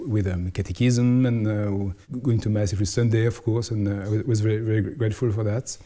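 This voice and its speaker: French-accented priest, mellow and halting. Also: male voice, fairly low pitch, steady tone. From France. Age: 40s. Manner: halting, searching for English words. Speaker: priest, house superior. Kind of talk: interview answers.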